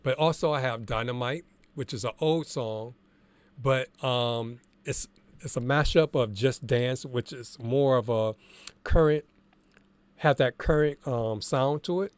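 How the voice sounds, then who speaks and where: A man's voice: mid-range voice, unhurried, clean tone, no echo. Male DJ, stuffy and congested, casual thinking-aloud tutorial delivery, dry close sound. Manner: relaxed and candid, thinking aloud with fillers. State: congested from allergies, morning voice. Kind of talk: casual screen-share tutorial.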